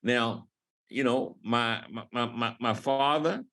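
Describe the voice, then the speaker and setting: An older man from Southern Maryland, a podcast guest, speaking in a slow, halting way with many restarts. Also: medium pitch, fairly bright tone. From Southern Maryland, USA. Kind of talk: interview conversation.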